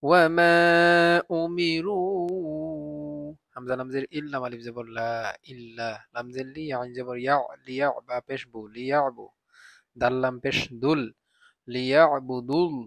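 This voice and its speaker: A man teaching Quran reading, who spells out each letter and vowel mark and then chants the verse slowly and drawn out. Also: medium pitch, fairly even intonation, no echo. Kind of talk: spelling out and reciting Quranic words for learners.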